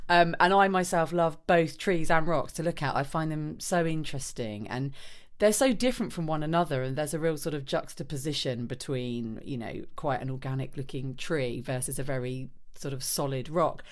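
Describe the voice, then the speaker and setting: A woman's voice: deep voice, normal speed. A woman hosting an interview, asking enthusiastic, rambling questions full of fillers. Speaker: interviewer host.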